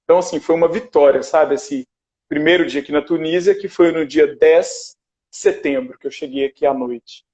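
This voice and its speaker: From his shared house, the guest recounts a story over a video call, voicing the lines others said to him with lively animation. It's casual conversation, and his voice runs on the high side at an ordinary speed.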